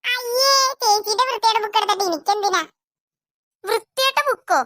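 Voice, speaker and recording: A woman's voice: very high voice, fairly quick, a bit bright, dry recording, studio quality, pitched above the performer's own voice. A woman voicing a mischievous little boy in a family cartoon who teases his big sister. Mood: teasing. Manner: teasing, turns to wailing. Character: mischievous little boy, cheeky younger brother.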